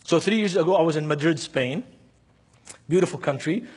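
A man from Beirut with a Lebanese Arabic accent preaches at a seminar. His voice is a little high and darkish with a breathy edge, and he speaks fairly quickly. He is emphatic, repeats key phrases, acts out dialogue and asks rhetorical questions.

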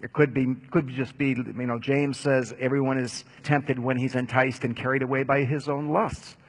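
A man teaching Bible lessons, answering audience questions in a measured, explanatory way. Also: medium pitch, little pitch movement.

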